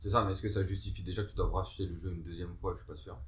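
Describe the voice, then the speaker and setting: Man, very low voice, quick casual chat, tech talk. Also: steady tone, a loud crowd.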